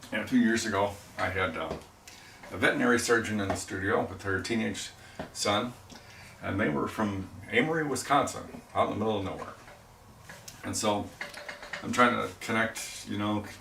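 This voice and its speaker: A middle-aged man rambles and cracks self-deprecating jokes during a casual livestream while working in his pottery studio. His voice is lowish, creaky and a bit bright, and the recording is noisy, with a distant mic in an echoey room.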